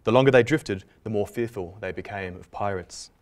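Author reading his own fiction at a library event: a man with a lowish voice, measured and deliberate delivery. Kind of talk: literary reading aloud.

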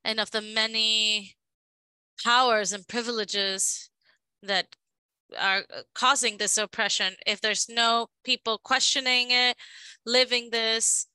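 A woman giving a live interpretation of a panel discussion, halting and often restarting her phrases. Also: on the high side, fairly even intonation, sharp tone, clear, resonant tone, no echo, low-quality recording.

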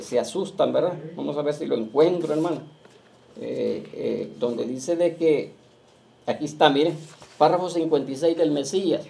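A male pastor preaching to his church, often checking in with the congregation and slowing down to read scripture aloud. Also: on the high side, gravelly. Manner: keeps asking the flock "¿verdad?"; reads scripture slowly and loudly. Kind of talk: Pentecostal-style sermon. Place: church in Las Vegas.

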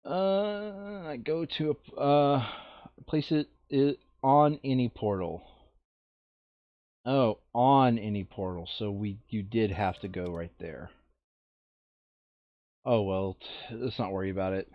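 Speaking slowly at a medium pitch with long pauses, a man plays a board game on a lo-fi, echo-free recording. His casual gameplay chat involves muttering the rules to himself and making jokes.

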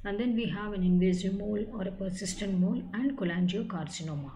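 A middle-aged woman teaches as a medical lecturer, setting out each point phrase by phrase. Her pitch is average for a woman. The recording is roomy and echoing, with clear noise behind her voice. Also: quick pace, dark tone. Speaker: medical professor giving a lecture. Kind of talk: online slide lecture. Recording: echoey room with clear background noise.

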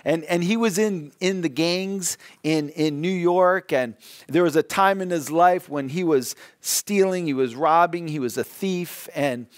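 A man's voice: on the high side, measured pace, dry recording, clean studio sound. A male pastor preaching a sermon who tells a story earnestly and often repeats words as he goes.

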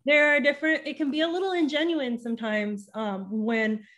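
A high female voice at a moderate pace: a young woman guesting on a podcast over video call from a home room with a bookshelf and patterned wall hanging. Using a boom-arm studio mic, she talks thoughtfully through a casual interview, with frequent restarts and lively hand gestures.

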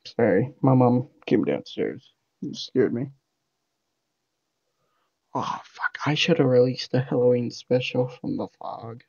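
A man's voice: medium pitch, normal speed, few pauses, breathy edge, no room sound, dull audio. A man with a lisp and slushy s sounds, giving casual, jokey, sweary commentary while playing a game. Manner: animated, exclaiming, sweary, jokey. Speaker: gaming video host.

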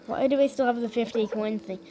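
A woman giving gameplay commentary in a hushed, half-whispered voice. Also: on the high side, fairly even intonation, fairly quick, low-quality recording. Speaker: gamer.

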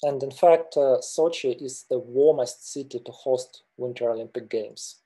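This is a Russian mountain guide in middle age, walking through his slides during a webinar. His warm, medium-pitched voice comes through a video call webcam, and he hesitates a lot, leaving many filler pauses.

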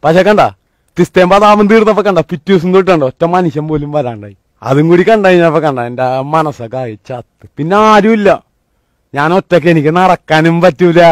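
A man giving a motivational talk, telling a personal story in a colloquial, animated way that swings between loud and hushed. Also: fairly high pitch, dry recording. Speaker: motivational speaker.

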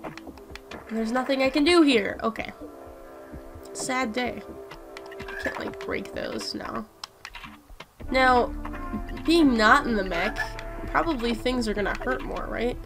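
A chatty woman talking through her video game play in a relaxed, unhurried way. Her voice sits somewhat high, and game music plays steadily under her commentary. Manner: chatty, amused, musing aloud. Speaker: let's-play host. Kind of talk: casual gaming commentary.

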